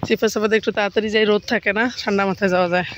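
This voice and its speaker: A woman from Bangladesh vlogging as she walks along a village road, speaking quietly and a little muffled by a face mask. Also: medium pitch, steady tone, racing, background noise. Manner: soft-spoken, talks quietly in public. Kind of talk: casual walking vlog.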